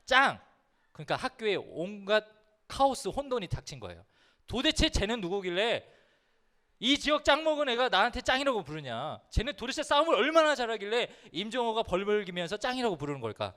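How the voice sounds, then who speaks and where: With a high, widely swinging voice and a slightly fast pace, a youth pastor tells young listeners a humorous tale from his school years. His sermon stays light and playful, and he speaks straight to them in a lively way.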